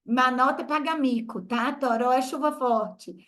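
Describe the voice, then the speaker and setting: A woman's voice: sits high, a little slow, fairly bright tone. A woman from Brazil with a Minas Gerais accent, teaching an English masterclass with rhetorical questions and repeated key phrases. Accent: Minas Gerais Brazilian Portuguese. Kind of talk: online masterclass lesson.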